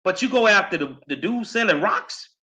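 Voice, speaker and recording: A man's voice: sits high, lively intonation, normal speed, pushed and bright. A man co-hosting a political talk show, fired up, firing off rhetorical questions in blunt slang. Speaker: co-host. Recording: slightly dull, lo-fi line.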